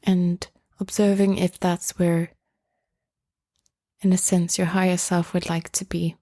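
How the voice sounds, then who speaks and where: This is a guided meditation, slow and calming, led by a woman whose mellow, gently rounded voice barely changes pitch. Her delivery is very slow and soft, broken by long pauses, and the close recording has no echo.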